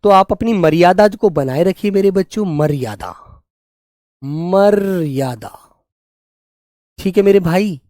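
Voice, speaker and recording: A man's voice: high voice, darkish tone, no echo, studio quality. A young man teaching Hindi spelling in a live online class, calling students "beta" and drawing out each word as he drills it. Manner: affectionate, calls students "beta" and "my children"; repeats and drills words slowly.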